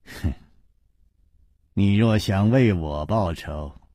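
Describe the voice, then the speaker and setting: A man's voice: slow pace, warm tone, no echo, studio quality. A man voicing a proud but crippled wealthy man who speaks with weary, bitter restraint. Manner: low, subdued, bitter wry tone.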